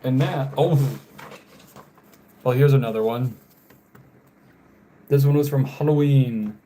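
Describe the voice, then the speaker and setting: A young male live streamer from North Carolina, USA, chats casually while drawing, his mid-range voice slow and laid-back. His phrases tend to trail off quietly at the ends, and he sounds apologetic about names.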